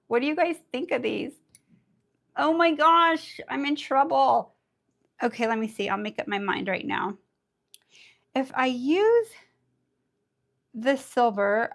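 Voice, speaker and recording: A woman leads a casual nail art tutorial in a bubbly, excitable way. Her voice is raspy and gravelly because she is under the weather, and it sits a little high. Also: measured pace. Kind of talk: casual live tutorial chat.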